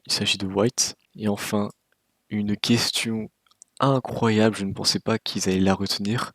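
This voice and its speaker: Speaking close to the mic with no room sound, a gaming video creator delivers casual, opinionated game news with a wry, candid manner. His voice is lowish but fairly bright.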